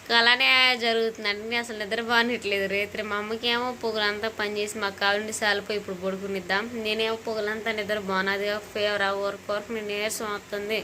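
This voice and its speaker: A woman's voice: medium pitch, little pitch movement, quick pace, few pauses, bright, forceful tone, slight background noise. A young woman, a new mother, talking casually to viewers at home at night, sounding weary and feverish from lack of sleep. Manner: tired, complaining, talking straight to viewers. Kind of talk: casual home vlog chat.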